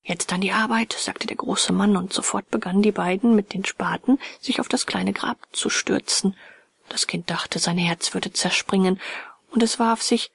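A woman narrating a fairy tale in a soft, hushed, whispered reading. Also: mid-range voice, fairly even intonation, moderate pace, no room sound. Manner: soft, hushed and breathy delivery.

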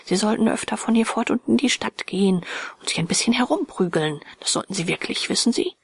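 Woman reader voicing a restless friend, impatient, gravelly, storybook. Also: medium pitch, brisk, dry recording, clean studio sound. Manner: impatient, urging.

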